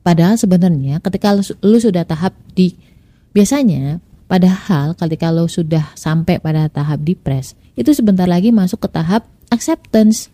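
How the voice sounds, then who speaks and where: A woman's voice: on the low side, moderate pace, dark tone, no room sound. Woman host, chatty self-help talk, dry close sound. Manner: chatty, acts out quoted inner voices. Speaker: podcast host.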